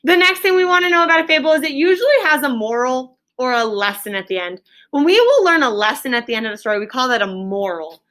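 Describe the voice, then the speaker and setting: Speaking fast in an expressive, somewhat bright voice that sits high, an elementary school teacher leads children through a reading lesson. She keeps it simple, repeats key words and prompts the class with questions.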